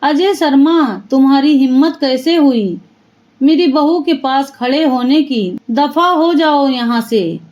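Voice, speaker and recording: A woman voicing a harsh, accusing older mother-in-law in a spoken family drama, with a shrill, cutting tone. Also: takes it slowly, a little mellow, lo-fi sound. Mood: scornful.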